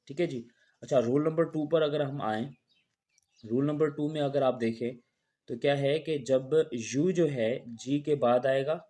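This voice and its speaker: A man with a warm, mellow voice, teaching a pronunciation lesson at a middle pitch. He goes slowly through each rule, repeats his examples, and asks himself questions before he answers them. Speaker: English teacher. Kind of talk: explaining a language lesson.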